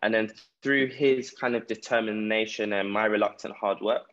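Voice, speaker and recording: Joining a podcast remotely from Ghana, this entrepreneur speaks with a South London accent in a lowish, steady voice at a moderate pace, slightly bright in tone. He recounts his own story conversationally as the interview guest, though the audio is dull.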